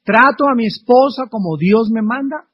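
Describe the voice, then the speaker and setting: Middle-aged preacher guy, raspy-ish voice, fiery sermon, muffled old tape sound. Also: very high-pitched, normal speed. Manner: fervent, rhetorical questions, swings from loud to soft. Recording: dull lo-fi archive recording.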